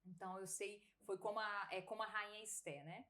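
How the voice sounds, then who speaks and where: A Brazilian woman with a Brazilian Portuguese accent, telling a personal testimony as a podcast guest, animated and laughing often as she acts out dialogue. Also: mid-range voice, brisk. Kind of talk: casual testimony storytelling.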